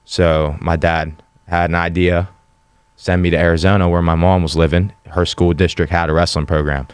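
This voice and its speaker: A young man in his twenties from western Pennsylvania, a podcast guest talking about himself in a matter-of-fact way. His voice is very low and flat but smooth and clear, and the recording is dry and close. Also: moderate pace, no echo. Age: 20s. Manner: plain, matter-of-fact storytelling. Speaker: guest, fighter. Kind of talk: casual interview.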